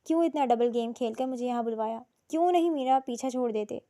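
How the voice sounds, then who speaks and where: A woman narrator voicing a grieving young widow who shouts tearful accusations. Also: on the high side, close to an everyday voice. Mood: furious.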